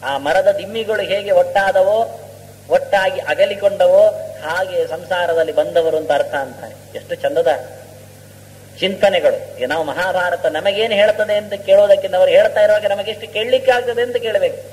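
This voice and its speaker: A man giving an epic discourse as a scholar, telling stories and reciting Sanskrit verses slowly. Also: sits high, a little mellow. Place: lecture hall. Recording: reverberant hall, faint hum.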